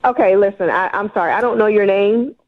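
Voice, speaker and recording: A woman's voice: medium pitch, fairly quick, phone-quality sound. A woman calling into a radio show, retelling a bad date in an exasperated, dramatic way. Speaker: caller. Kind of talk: radio call-in chat.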